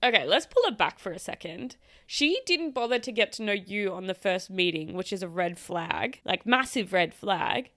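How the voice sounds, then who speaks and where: A woman's voice: mid-range voice, normal speed, no room sound. Outspoken woman host, dry close sound. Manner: animated and outspoken, swears freely; talks straight to the viewer and to a friend off-camera. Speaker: host reacting to online stories. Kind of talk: casual reaction chat.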